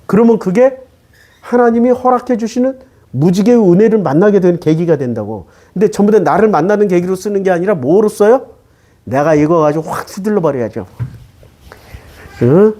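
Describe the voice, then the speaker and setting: A male pastor preaching a sermon. He keeps asking the congregation questions and answering them himself. His voice rises high and drops low, and his casual talk mixes with formal scripture reading. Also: animated, normal speed. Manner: swings between raised and low, soft phrases.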